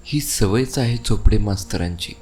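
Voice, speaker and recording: A flustered householder pleads and exaggerates his losses, read by a man in a low voice. Faint music plays behind him. His replies come out anxious and eager. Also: animated, normal speed, a little mellow, lightly acted. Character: flustered middle-aged householder, the robbed man.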